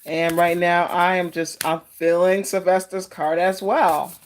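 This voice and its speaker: Casting: fortune-teller type, androgynous mid-pitched voice, slow reflective delivery, casual live card readings for named viewers. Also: flat delivery, slight background noise. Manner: fortune-teller style, addressing people by name, reflective.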